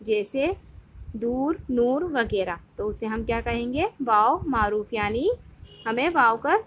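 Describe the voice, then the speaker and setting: A woman's voice: fairly high pitch, a bit bright. A woman teacher giving a recorded grammar lesson to children, patiently asking the class questions and answering them herself. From India. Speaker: school Urdu teacher.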